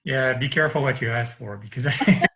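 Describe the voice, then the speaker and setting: A Frenchman in his 50s, speaking with a light French accent, is a guest in a casual video-call interview from a home study lined with bookshelves, picked up by his webcam. His medium-pitched voice is bright and edgy and moves quickly as he rambles, restarting often and laughing lightly.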